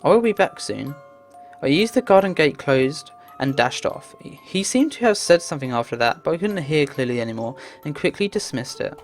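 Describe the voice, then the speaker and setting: A woman with a deep, expressive voice reads a visual novel aloud as a story, performing the dialogue herself. She talks a little fast with few pauses, and music plays behind her voice.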